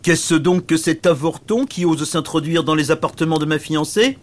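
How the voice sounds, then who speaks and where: A man's voice: on the high side, normal speed, voice pushed up, lightly acted. A man voicing a big, brutish and stupid knight who bellows his lines in a fairy tale. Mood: blustering. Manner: bellowing, blustering.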